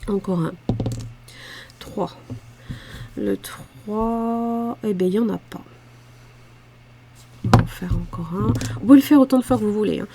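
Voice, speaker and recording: A woman's voice: mid-range voice, measured pace, long pauses, noisy background. A woman in her forties with a southern French accent, chatting casually about her budget challenges and muttering little asides as she sorts her cash. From France. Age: 40s. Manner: chatty, self-deprecating, muttering asides while handling cash. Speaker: budgeting vlogger. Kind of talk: casual talk to camera while filling savings challenges.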